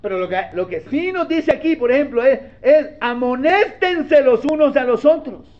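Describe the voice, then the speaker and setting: A male pastor preaches in a high, lively voice that rises and falls a great deal. He talks with his congregation in a conversational way, asks whether they agree, and acts out short exchanges. The sound is dull and lo-fi. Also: moderate pace. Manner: acts out little dialogues. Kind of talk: sermon. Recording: dull lo-fi sermon recording.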